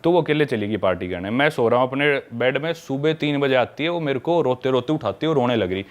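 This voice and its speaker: A man in a relaxed podcast chat, recounting a trip abroad at an easy, chatty clip. His voice sits at an everyday middle pitch, and he drops English words into his sentences as he goes. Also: fast. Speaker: podcast guest telling a travel story. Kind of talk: casual storytelling chat.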